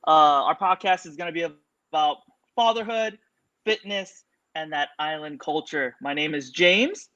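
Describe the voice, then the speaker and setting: This podcast host, a man in his thirties from California, talks in a loose, casual way with plenty of fillers. He speaks a little slowly with a sharp tone and a voice on the high side, recorded in dull lo-fi audio.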